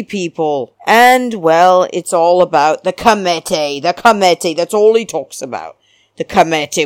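A woman with a low voice hosts a podcast in a close, dry recording. She talks slowly and theatrically, stretching key words for emphasis. Her chatty recap is blunt and full of opinion. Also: a little mellow, dry recording. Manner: theatrical, drawn-out emphasis, addressing listeners as darlings. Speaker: podcast host. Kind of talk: chatty reality-show recap monologue.

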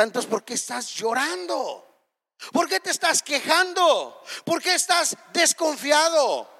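A man's voice: very high voice, a bit bright, long reverb tail. A man preaching a sermon with impassioned, emphatic repetition and rhetorical questions.

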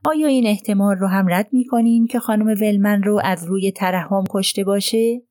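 A woman voicing a sharp-witted older male detective who asks measured, probing questions in an audiobook. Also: medium pitch, dry recording, studio quality, natural voice. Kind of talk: audiobook reading.

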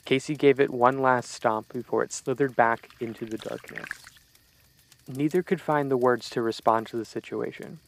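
Gravelly man narrating a horror story. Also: mid-range voice, slight background noise, low-quality recording. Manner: steady, measured storytelling.

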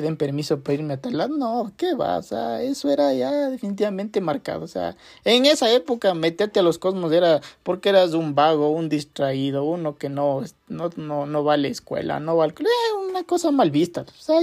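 A man recounting a childhood memory in relaxed, everyday speech. He circles back on his own words, repeats key phrases for emphasis and fills gaps with small connecting words. It sounds like a casual chat with listeners. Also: high voice, vocal fry. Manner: rambling, repeats phrases with many fillers. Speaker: storyteller. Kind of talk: casual personal anecdote.

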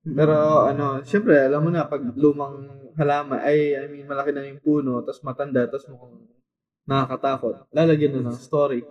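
A young man from the Philippines, co-hosting a casual chat and telling stories in a lively way with many fillers. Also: mid-range voice, brisk. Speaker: podcast co-host. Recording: dull lo-fi echoey sound.

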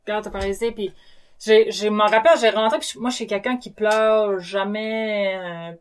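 A woman with a Québécois French accent, a nurse and comedian, telling lively anecdotes in a casual interview and slipping in English words. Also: medium pitch, normal speed, clean tone.

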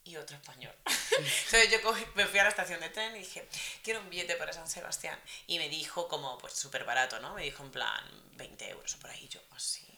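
Low-voiced Spanish woman telling a story. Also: brisk, echoey room. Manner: lively anecdote teller, acts out dialogue. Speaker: podcast co-host. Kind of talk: casual group chat.

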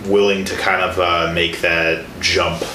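A man with a deep, sharp voice interviews a guest in casual conversation, keeping a level tone and measured pace. He sounds hesitant and uses lots of filler words, and the recording has a roomy echo with faint background noise.

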